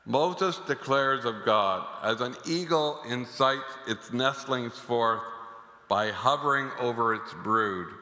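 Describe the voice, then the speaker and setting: Forceful priest in a cathedral-like echo. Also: male voice, mid-range voice. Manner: deliberate, measured, solemn proclamation with pauses. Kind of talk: scripture reading and homily. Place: large church interior. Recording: echoey church with long cathedral-like reverb.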